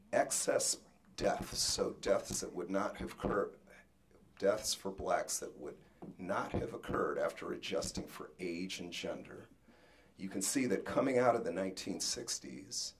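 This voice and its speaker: A man giving an academic talk with slides as a panelist, pausing often and restarting his words. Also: low voice. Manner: halting, frequent restarts and fillers; jokes about rushing.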